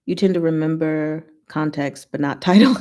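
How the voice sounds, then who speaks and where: In a mellow, low-pitched voice at normal speed, a woman runs a casual livestream. She giggles while reading viewer comments aloud and answering them.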